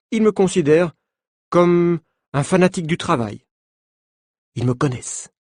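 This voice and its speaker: Slow, clear male audiobook narrator. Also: on the high side, darkish tone, dry recording, clean studio sound.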